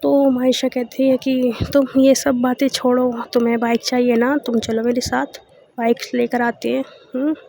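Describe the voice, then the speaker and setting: A woman storyteller retells a love story in a chatty, loose way, leaning on fillers. Her voice is fairly high and mellow. She keeps a flat, even melody throughout. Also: normal speed, gravelly, no room sound. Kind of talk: casual story narration.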